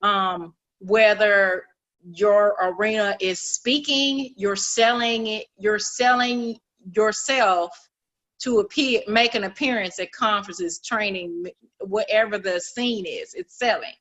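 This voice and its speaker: A woman's voice: medium pitch, slow, a bit bright. A woman hosting an interview, agreeing with her guest and building on her points with everyday examples. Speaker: interview host. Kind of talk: conversational interview.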